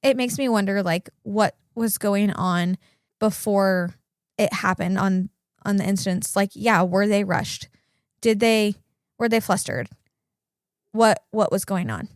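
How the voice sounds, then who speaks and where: A young mother co-hosting a casual podcast chat. She sounds easygoing and reasonable and says "like" a lot. Her voice sits at a middle pitch and the recording is dry. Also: measured pace, no echo.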